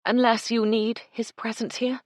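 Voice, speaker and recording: A woman's voice: on the high side, moderate pace, no echo, clean studio sound, voice pushed up, close to an everyday voice. A woman narrator voicing a composed, polite woman who runs a hotel. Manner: calm, polite and reassuring.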